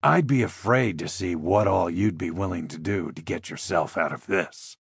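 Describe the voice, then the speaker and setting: A cold, cruel masked gunman with a low growl, as a male narrator puts him on. The voice is deep, husky and breathy, set very close and dry with no room sound. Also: normal speed, dry recording, full character voice. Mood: menacing.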